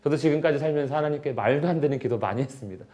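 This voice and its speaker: A man's voice: mid-range voice, rapid-fire, dark tone. A man, a pastor, leading a Bible study in a conversational way and acting out prayers and replies as dialogue.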